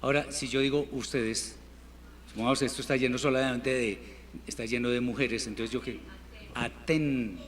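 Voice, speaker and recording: A man teaching a Hebrew class in Spanish, patiently repeating words slowly for his students. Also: medium pitch, fairly even intonation. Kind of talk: classroom language lesson. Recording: reverberant hall, faint room noise.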